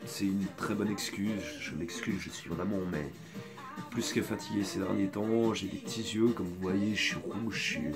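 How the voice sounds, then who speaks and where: In a casual phone-shot apology video, a creator nursing a cold and sore throat rambles hesitantly, pausing often. His voice is low, steady, and creaky, and background music plays throughout.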